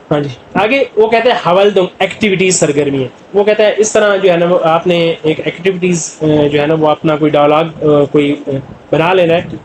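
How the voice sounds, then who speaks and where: A man with a Pakistani Urdu accent gives an explanatory classroom lesson in a fairly high voice. He works through words one at a time and fills pauses with stock phrases. A faint hum of room noise sits behind him. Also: darkish tone, low-quality recording. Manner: translates word by word, with many "jo hai na" fillers. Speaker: Korean language teacher.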